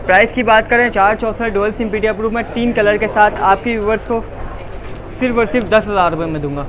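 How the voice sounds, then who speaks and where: A man with a Pakistani accent selling phones in an insistent teleshopping-style pitch, repeating prices and stock phrases as he runs through models. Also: brisk. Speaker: phone seller. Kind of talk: rapid sales pitch listing models and prices. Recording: busy street noise and chatter.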